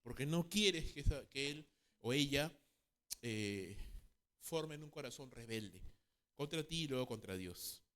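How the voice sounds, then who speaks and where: A man's voice: mid-range voice, expressive, a little slow, a bit bright. A man teaching a Bible counseling class, tagging sentences with a questioning "no?", repeating key phrases and acting out quoted parents and children. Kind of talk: church class lecture.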